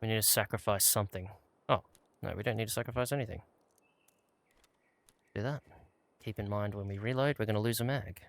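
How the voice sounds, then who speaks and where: A man gives relaxed gameplay commentary, muttering to himself as he loots. His low voice has a gravelly rasp to it. The sound is dry and close, with no room around it. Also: fairly quick, pauses often, no room sound. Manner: laid-back, talks to himself while looting. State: out of breath at times. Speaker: gaming channel host.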